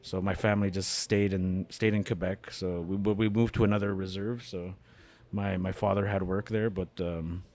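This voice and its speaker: Born in Winnipeg, this middle-aged Canadian comedian and beatmaker is a guest in a casual cafe interview. His low, somewhat mellow voice moves little in pitch, he talks at a moderate pace, and his speech is full of fillers and restarts.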